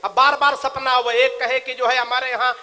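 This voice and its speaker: A man performing comic poetry on stage, bantering with the crowd and chanting his verses slowly. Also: extremely high pitch, flat delivery, pushed and bright. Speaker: comic poet. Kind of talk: stand-up comic poetry at a live recital.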